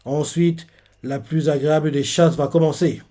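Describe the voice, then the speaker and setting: A man's voice: on the high side, steady tone, moderate pace, mellow, natural voice. A man reading out a gloating alien invader. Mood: taunting.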